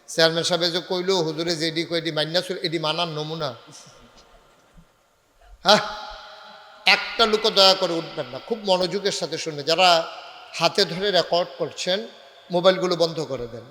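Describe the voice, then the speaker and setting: A man preaches in a fairly high, ringing voice. He slides from crowd banter into long sung phrases and calls for the gathering to answer back. The voice carries a long reverb tail from a public address system at a night gathering. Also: moderate pace, pauses often, pushed and bright. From Bangladesh. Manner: breaks into sung, chanted delivery and rouses the crowd to call back; banters with the audience and gives directions to the crowd. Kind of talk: Bengali waz sermon.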